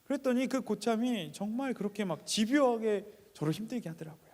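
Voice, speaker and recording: A man preaching a sermon in a church, telling a personal story, moving between quiet asides and raised appeals to the congregation. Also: high voice, animated, fairly quick, in a large hall.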